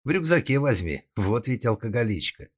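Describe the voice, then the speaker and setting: A sharp-tongued young woman, put on by a male reader in an audiobook, her voice lifted well above his deep natural tone. She talks to her friend with sarcastic scolding. Her lines come out somewhat louder than his narration. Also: very animated, normal speed.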